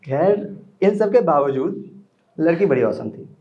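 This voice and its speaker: At a small indoor open mic, a young man tells a personal story live, chatting with the audience between parts. His voice is a little high, animated and unhurried, and the lo-fi recording picks up crowd noise.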